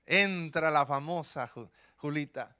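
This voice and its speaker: A man's voice: fairly high pitch, a little slow. A male pastor preaching a sermon, telling stories with rhetorical questions to the congregation. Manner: animated storytelling with rhetorical questions.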